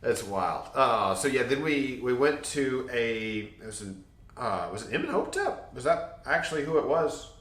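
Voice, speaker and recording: A man chatting casually about a trip, wandering through his story with plenty of jokes and laughter. His voice sits at a middling pitch. The room around him has a noticeable echo. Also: sing-song, a little slow, fairly bright tone. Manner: rambling, jokey, laughs often. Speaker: podcast co-host.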